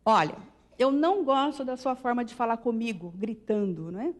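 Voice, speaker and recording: A woman with a Brazilian Portuguese accent voicing a husband who speaks gently to his wife. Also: fairly high pitch, lightly acted. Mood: gentle. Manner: gentle, measured. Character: husband, a doctor, calmly confronting his wife.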